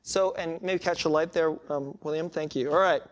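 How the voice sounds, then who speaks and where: A male pastor giving a sermon in a casual, chatty way, with quick asides. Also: fairly high pitch, fairly even intonation. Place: church sanctuary.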